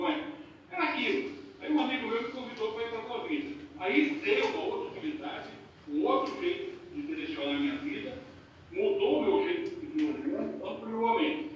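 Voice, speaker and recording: A high-pitched man from São recounts his life with animated, rising and falling speech. His voice rings through an echoey room from far off the microphone, and the sound is muffled. A faint room hum sits behind him. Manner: animated storytelling with repeated words and restarts. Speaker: participant in a group discussion. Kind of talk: casual personal account.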